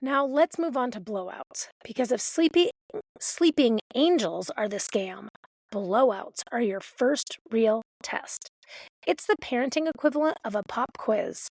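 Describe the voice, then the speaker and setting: A woman's voice: fairly high pitch, expressive, a little slow, darkish tone, dry recording. A woman hosting a podcast, a parent of a toddler doing a sardonic comedic monologue and swearing freely. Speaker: podcast host.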